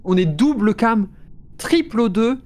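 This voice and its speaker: A man player in a casual game discussion, breaking down a round and slowing down for key points. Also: high-pitched, expressive, a little mellow.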